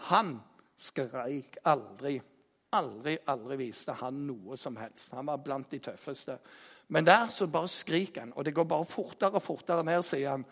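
A man preaching a sermon with passion, his voice swinging from loud emphasis to hushed tones, recorded from a distance in a large hall. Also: fairly high pitch, vocal fry, husky. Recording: distant echoey hall sound.

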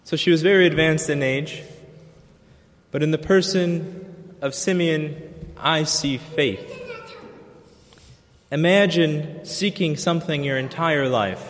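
A man preacher delivering a sermon in an earnest, measured way with pauses. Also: on the high side, slight background noise. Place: church. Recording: long church reverb.

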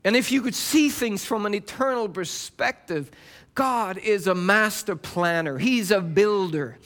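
A man's voice: high-pitched, unhurried, fairly bright tone. A male pastor preaching a sermon with fervent, emphatic delivery.

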